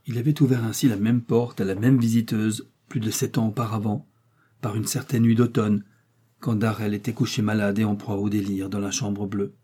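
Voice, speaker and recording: Male audiobook narrator, husky voice, mellow dark tone, measured dramatic reading. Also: lowish voice, flat delivery. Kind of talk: scripted narration of a novel.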